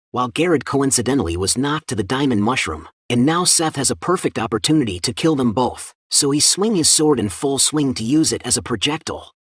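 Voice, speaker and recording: A man narrating a comic story recap as a steady scripted read-through. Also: medium pitch, breathy edge, no room sound, clean studio sound.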